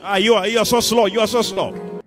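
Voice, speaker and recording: A man's voice: high voice, steady tone, brisk, soft background music. A middle-aged man with a Malawian accent preaching a sermon on a church stage into a handheld mic, emphatic and repeating his phrases. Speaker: pastor.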